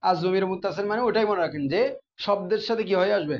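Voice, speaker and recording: A man's voice: high-pitched, rapid-fire, lo-fi sound, crowd noise. A man teaching a class, often asking his students questions and repeating the key terms. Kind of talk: classroom grammar lesson.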